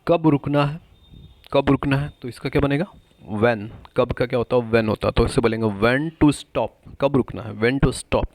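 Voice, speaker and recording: A man teaching everyday English phrases, repeating each one slowly and asking viewers to comment their answers. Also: medium pitch, a little mellow, no room sound.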